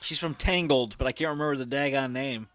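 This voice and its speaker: A man's voice: mid-range voice, fairly quick, a bit bright, faint music behind. A man in his thirties giving casual movie reaction commentary, musing aloud and chuckling between remarks. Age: 30s. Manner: chuckling, musing asides to himself.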